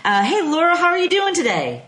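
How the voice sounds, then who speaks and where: A woman's voice: very high-pitched, huge pitch swings, brisk, a bit bright. A woman hosting a live radio talk show in a chatty manner, laughing often as she talks with guests. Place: radio studio. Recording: roomy studio echo.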